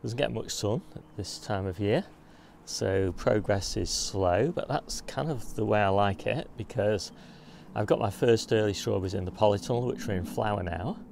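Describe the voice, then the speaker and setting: Filming a casual tour of his back garden on a handheld phone camera, a man walks and describes his plants and beds for his gardening channel. He speaks at a moderate pace in a lowish, creaky voice, relaxed and informative, over a faint hiss or hum.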